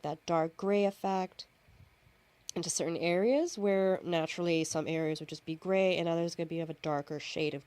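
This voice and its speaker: A woman's voice: fairly low pitch, darkish tone, dry recording. Chatty woman narrating a makeup tutorial. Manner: chatty, self-correcting, filler-heavy. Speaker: makeup artist. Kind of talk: voice-over narrating a face-paint tutorial. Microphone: camera and phone.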